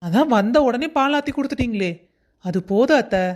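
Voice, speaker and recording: A woman voicing a caring young husband in a cartoon story who teases gently and reassures his wife. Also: a little high, expressive, a little fast. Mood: reassuring. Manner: warmly teasing, reassuring. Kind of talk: Tamil cartoon voice acting.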